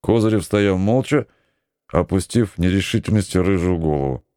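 A man narrating an adventure novel in an expressive reading voice, performing every character himself. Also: deep voice, moderate pace, no room sound, clean studio sound. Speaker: audiobook narrator.

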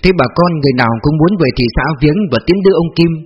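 A man narrating an audiobook in a steady storytelling manner. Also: on the high side, racing. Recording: dull lo-fi with faint music.

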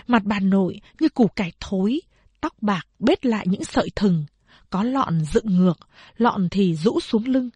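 A woman reading a novel aloud as an audiobook narrator, in a measured storytelling manner. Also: medium pitch, darkish tone, husky, dry recording.

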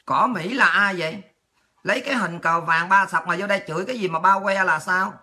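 A woman's voice: lowish voice, a little fast, pushed and bright. A woman hosts a political livestream, scolding and mocking in a profane rant. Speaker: political talk show host.

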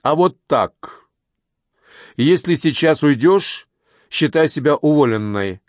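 A man's voice: medium pitch, normal speed, dry recording, studio quality, close to an everyday voice. A man voicing a harsh, bossy middle-aged woman director who barks curt threats. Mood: barking.

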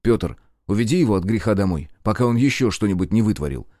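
Man voicing a firm young gentleman. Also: lowish voice, animated, quick pace, dry recording, clean studio sound. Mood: stern. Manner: firm and curt. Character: calm young gentleman losing patience.

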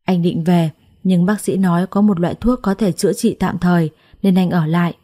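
A woman voicing a weary, heartbroken young man who speaks softly and with resignation in a told story. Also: on the low side, steady tone, normal speed, close to an everyday voice. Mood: sad. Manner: soft, sad, resigned.

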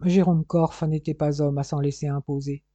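Man, audiobook reader, steady scripted narration, husky voice, dull dry recording. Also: on the high side, normal speed, dry recording. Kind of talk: scripted narration of a crime novel.

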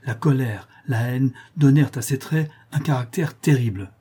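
A man narrates a classic novel as an audiobook in a steady, expressive way. His voice is mellow and dark, with a husky grain. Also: medium pitch, moderate pace.

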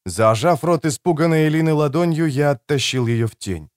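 A man's voice: fairly high pitch, lively intonation, moderate pace, smooth, no echo, clean studio sound. A male narrator reading a first-person action audiobook with tense, dramatic storytelling.

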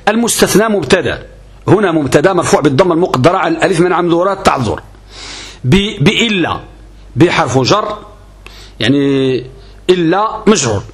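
A man teaching a grammar lesson on a classical text. He works through it step by step, asking questions and answering them himself. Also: fairly high pitch. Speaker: religious teacher.

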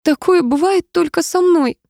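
A woman's voice: very high voice, moderate pace, vocal fry, warm tone, no echo, studio quality, voice pushed up. A woman voicing a flustered, bossy young woman of about twenty who grumbles in a hissed whisper, in an audiobook reading. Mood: exasperated.

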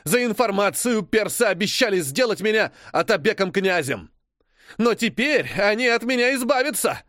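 A squealing, high-pitched British spy spits crude threats in a strong British accent, voiced by a man. The voice swings wildly and stays loud and raw. The sound is close and dry. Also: very animated, moderate pace, no room sound. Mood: panicked, furious. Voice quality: shrill, squealing. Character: shrill, vicious male British spy, panicking. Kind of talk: audiobook character voice.

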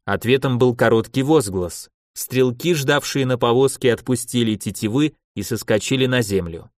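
A man reading a story in measured first-person narration. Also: medium pitch, no room sound, clean studio sound. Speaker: audiobook narrator.

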